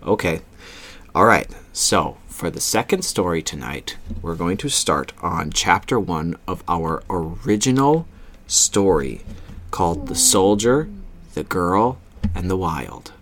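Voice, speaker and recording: A middle-aged man hosting a children's story show, speaking to young listeners in an unhurried, guiding bedtime-storytelling way. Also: low-pitched, expressive, fairly bright tone.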